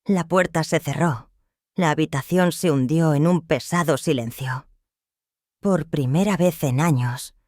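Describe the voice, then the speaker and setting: Slow tts voice reading a drama story, dry, flat and even. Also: mid-range voice, dry recording. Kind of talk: scripted storybook narration.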